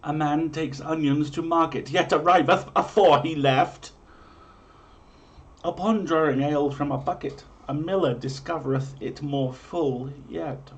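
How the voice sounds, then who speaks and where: An unhurried, slightly high-voiced man presents on a livestream, giving an emphatic, dramatic comic reading in mock-medieval English. Once that's done, he chats casually.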